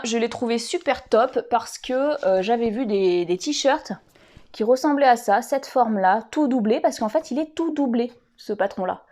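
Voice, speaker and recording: A woman, chatting casually and rambling a little as she shows her sewing projects. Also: fairly high pitch. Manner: chatty, rambling, many fillers and restarts. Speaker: sewing vlogger.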